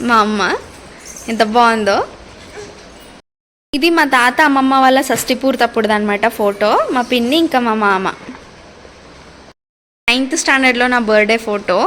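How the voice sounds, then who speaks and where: A woman's voice: on the high side, a bit bright, slight background noise. A young adult woman chatting casually in a family vlog, reminiscing with playful asides. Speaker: family vlogger.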